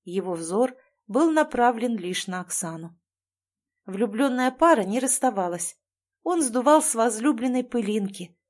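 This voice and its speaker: A woman narrating a written story in a measured, steady reading voice. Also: medium pitch.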